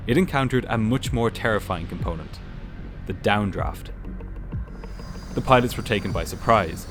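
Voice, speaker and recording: A man giving scripted documentary narration in a measured, explanatory way. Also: fairly low pitch. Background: music.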